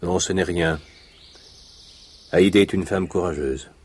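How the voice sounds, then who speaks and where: An actor in a 1980s radio drama playing a composed nobleman who speaks calmly and courteously. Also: deep voice, a little slow, slightly rough. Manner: calm, courtly, assured. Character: Count of Monte Cristo, commanding, composed nobleman.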